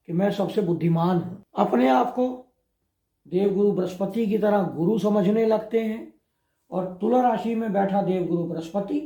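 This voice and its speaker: A man explaining astrology in a slow, measured way, pausing often between phrases. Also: sits high, dark tone, roomy sound, lo-fi sound.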